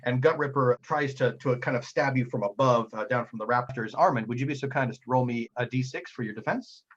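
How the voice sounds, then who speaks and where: A man narrating a tabletop role-playing game as game master, animated and excitable, with frequent ums and uhs. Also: mid-range voice, brisk, highs cut off.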